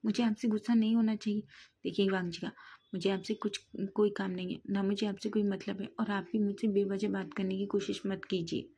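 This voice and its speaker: A woman voicing an indignant, easily angered young man in a read-aloud story, scolding in rapid bursts. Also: mid-range voice, little pitch movement, warm tone, slightly rough. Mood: angry. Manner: scolding, rapid-fire complaints.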